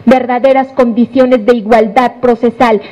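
A woman delivers a law lecture in a high voice. She is animated, fires questions at her listeners and calls them by pet names while driving her points home. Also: moderate pace, poor audio.

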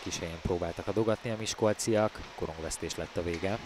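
A man giving excited ice hockey commentary, with his voice rising loudly for the big plays. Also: sits low, noisy background. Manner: bursts into loud, raised calls on goals.

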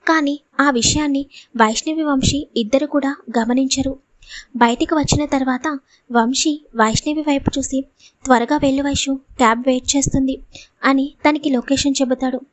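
High-voiced woman narrating a drama. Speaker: audiobook narrator. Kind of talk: serialized audiobook storytelling.

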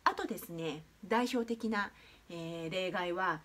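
A woman's voice: lowish voice, takes it slowly, fairly bright tone. A woman teaching English pronunciation, explaining step by step with frequent hesitation fillers.

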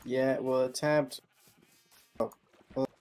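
A man chatting offhandedly with a friend during a game session, with a low-key, mumbling delivery. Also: little pitch movement, takes it slowly, darkish tone, smooth, faint music behind. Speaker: friend joining the host. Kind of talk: casual gaming chat.

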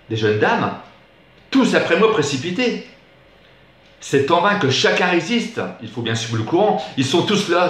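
A man performing a comic verse monologue in a theatrical, expressive recitation that swings between excited and hushed. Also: fairly high pitch. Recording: very echoey room.

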